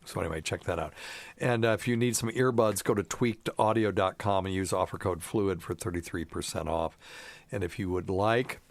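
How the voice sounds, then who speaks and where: Low-voiced, rambling man, dry studio sound. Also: a little fast, dry recording. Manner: rambling, jokey, many fillers. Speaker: podcast host, doctor. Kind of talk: casual chat and ad reads.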